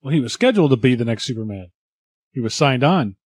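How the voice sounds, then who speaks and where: A man's voice: mid-range voice, lively intonation, quick pace, no echo. A man co-hosting a casual movie podcast who makes dry, wry remarks and sets the facts straight. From Canada. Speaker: podcast co-host.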